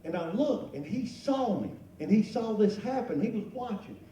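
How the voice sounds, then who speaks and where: A middle-aged man tells a comic tale with an animated, folksy delivery and acted-out exclamations. His voice sits a bit high. He is picked up from across an echoing event hall, with room noise around him. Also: normal speed, far from the mic. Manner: animated, folksy, acts out exclamations and sound effects. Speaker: luncheon guest speaker. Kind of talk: comic storytelling to an audience. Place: large event room at a lunch.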